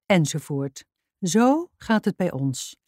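Woman reading a kids' book out loud, slow and careful, kinda low voice, dry sound. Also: sing-song, no room sound. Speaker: storybook reader. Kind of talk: reading a children's book aloud.

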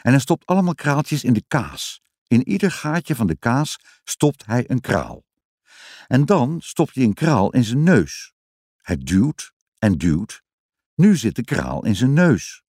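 A man reading a children's story aloud in an expressive, sing-song storytelling manner. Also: medium pitch, takes it slowly, husky, no echo, clean studio sound. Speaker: narrator.

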